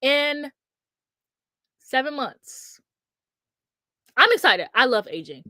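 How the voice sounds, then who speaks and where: A woman's voice: sits high, big pitch swings, slow, pushed and bright, no room sound. Rambling young woman chatting about books. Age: 20s. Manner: rambling, many restarts and fillers; candid, swears casually. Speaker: streamer host. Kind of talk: casual chat about books.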